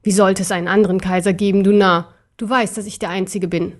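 Slow gloating cold emperor guy, ancient and cruel, woman doing the voice. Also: mid-range voice, steady tone, lightly acted. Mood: contemptuous. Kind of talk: audiobook character voice.

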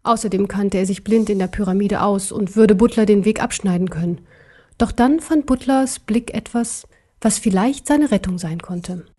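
A woman narrating a storybook in an expressive, dramatic way. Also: mid-range voice, moderate pace, husky. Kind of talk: storybook reading.

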